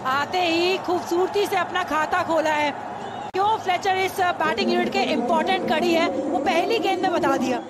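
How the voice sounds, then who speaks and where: A woman's voice: very high voice, normal speed. A woman giving live cricket commentary. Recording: loud crowd and heavy background noise. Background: stadium crowd noise.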